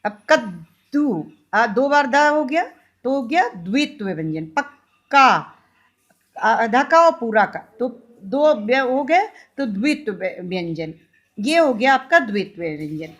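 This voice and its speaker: A woman's voice: fairly high pitch, lively intonation, unhurried. A woman with an Indian accent, a school teacher giving a recorded lesson to young pupils, patiently repeating and sounding out examples and answering her own questions.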